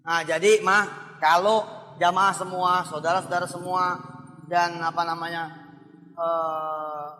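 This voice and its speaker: A man preaching a lively sermon, playfully calling out questions to his congregation. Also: sits high, a little slow, pauses often, a little hiss or hum. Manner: animated, playful, calls out to the audience. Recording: long hall reverb.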